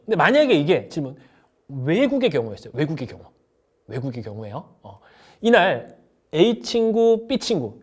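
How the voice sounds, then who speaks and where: A middle-aged man teaches a sales class in an online lecture. His voice sits a little high and swings widely in pitch. He acts out short customer dialogues as he goes. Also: darkish tone. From South Korea. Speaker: sales instructor.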